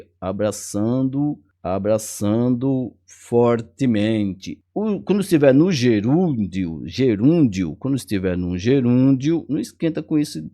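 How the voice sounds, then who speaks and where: A man's voice: medium pitch, mellow. A man teaching a grammar lesson for an exam, chatty and playful, repeating key words and chuckling often.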